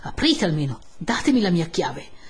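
A woman's voice: medium pitch, expressive, slow, breathy edge, heavily acted. A woman voicing an elderly, timid male country priest who pleads and scolds in a fretful way. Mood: scolding, aggrieved. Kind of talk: audiobook character voice.

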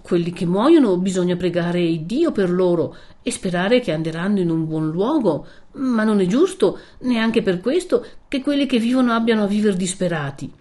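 A woman's voice: mid-range voice, lively intonation, normal speed, hardly any pauses, mellow, lightly acted. A woman voicing a young peasant man who pleads urgently and emotionally in a storybook reading. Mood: pleading.

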